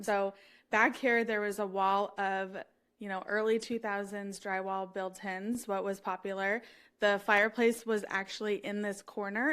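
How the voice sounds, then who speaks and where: A woman interior designer giving a casual, enthusiastic makeover reveal to camera, talking through a finished project in an upbeat way. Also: mid-range voice.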